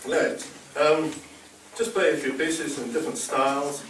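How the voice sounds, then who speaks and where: Picked up by a distant mic in an echoey large hall with background noise, a bodhrán drummer chats on stage between pieces. He's relaxed, with hesitant ums and dry humour. His voice is a little high, fairly bright and unhurried, with little pitch movement.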